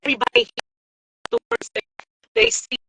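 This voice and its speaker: A woman's voice: high voice, very animated, fairly quick, sharp tone, slight background noise. A woman co-hosting a live business show over a video call whose audio is breaking up, distorted and robotic, as she checks the connection. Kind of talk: casual live-stream chat.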